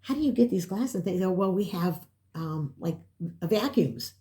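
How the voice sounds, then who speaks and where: Lively older woman telling a story. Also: lowish voice, measured pace. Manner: animated storyteller, acts out quotes. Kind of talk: casual chat.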